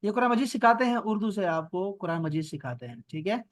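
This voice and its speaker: High-voiced teacher on a video call. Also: male voice, big pitch swings, dry recording. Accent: Pakistani Urdu. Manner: patient, repeats words slowly for students, asks "theek hai?". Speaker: Arabic and Quran grammar teacher. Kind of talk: online class teaching.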